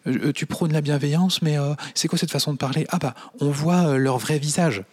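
Guy doing a whiny know-it-all lady critic, mocking, pitched up high. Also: normal speed, breathy edge. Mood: indignant. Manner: mocking, whining.

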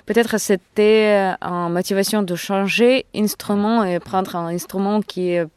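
A woman with a foreign Russian accent in French speaks casually as an interview guest, haltingly searching for words in a language not her own. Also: medium pitch, fairly even intonation, darkish tone, clear, resonant tone. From Siberia, Russia. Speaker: interview guest, jazz saxophonist.

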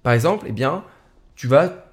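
Sounding tired in a late-night solo episode of his student podcast, a young adult man chats casually, stumbling through fillers, hesitations, and restarts. His voice is medium-pitched and slightly rough, animated, and moderately paced.

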